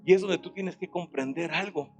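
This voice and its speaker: A man's voice: high voice, normal speed, soft background music. A man with a Mexican Spanish accent preaching a sermon, calling the congregation to repeat after him and acting out imagined voices. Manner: preaching with call-and-response to the congregation; acts out imagined voices of critics and the prodigal son. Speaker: pastor. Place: church service.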